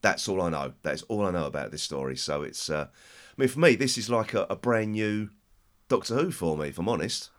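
A British man chats as a podcast host in a low voice. He is croaky and hoarse with a chest cold. His delivery is halting and rambling, with a casual feel. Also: expressive.

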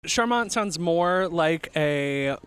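A man's voice: a little high, lively intonation, slow, fairly bright tone, clear, resonant tone. A young man co-hosting a podcast on a rooftop, chatting casually, rambling and laughing often. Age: young adult. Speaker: podcast co-host. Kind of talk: casual chat. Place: outdoor rooftop balcony.

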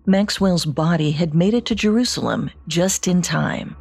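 A woman co-hosting a podcast, reading scripted true-crime narration with measured storytelling delivery. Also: fairly low pitch, creaky, darkish tone, husky. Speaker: podcast co-host.

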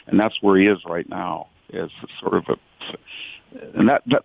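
A man's voice: low voice, gravelly, husky, no room sound. A man giving a long-winded, emphatic answer in a remote radio interview, speaking from central California. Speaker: political commentator. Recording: dry tinny phone line.

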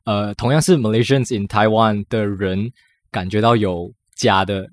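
A woman's voice: very deep voice, steady tone, dry recording. A woman from Malaysia with a Malaysian accent, co-hosting a casual podcast chat, laughing often. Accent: Malaysian Chinese. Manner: fast-talking, code-switching, laughs often. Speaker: podcast co-host.

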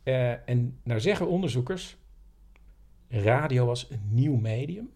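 Speaking a little slowly in a mellow, expressive mid-range voice, this podcast co-host shares stories and explains ideas. His tone stays casual and conversational throughout.

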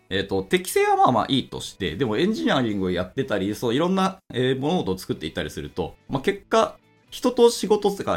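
A man in his thirties, a programming instructor hosting a casual solo podcast, thinking aloud with lots of fillers. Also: on the low side. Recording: faint background music.

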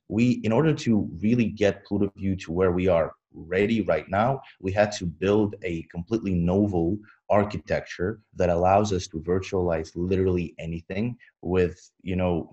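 A man talking like a tech bro as he pitches his startup in a podcast interview, halting and repeating words, on dull lo-fi audio. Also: dark tone. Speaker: startup founder, interview guest.

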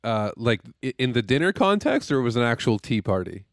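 Smooth-voiced joking male co-host. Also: medium pitch, very animated, a little fast. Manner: joking, asks questions. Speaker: podcast co-host. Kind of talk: casual podcast chat.

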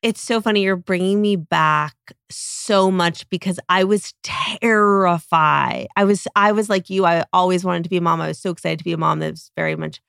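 A woman hosting a casual podcast chat in a low voice with plenty of vocal fry. She talks in a reassuring, conversational way, loose with fillers. The sound is dry and close. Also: fairly even intonation, a little fast, hardly any pauses, a bit bright, dry recording. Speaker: podcast host.

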